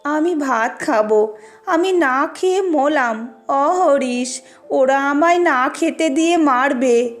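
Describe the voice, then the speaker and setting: A woman voicing a frail, nearly hundred-year-old grandfather in a storybook reading. He drags out his words slowly and whimpers like a child. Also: high voice. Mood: whimpering. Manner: slow, drawn-out, whimpering. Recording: faint music behind.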